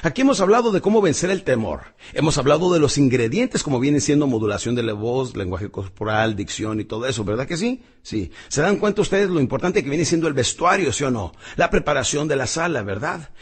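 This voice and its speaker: A husky-voiced man teaches public speaking as a motivational coach. His delivery is very animated, with wide leaps in pitch. He jumps from loud bursts to hushed asides and calls the listener "champion". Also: brisk, hardly any pauses. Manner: addresses the listener directly as champion. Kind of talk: motivational lesson.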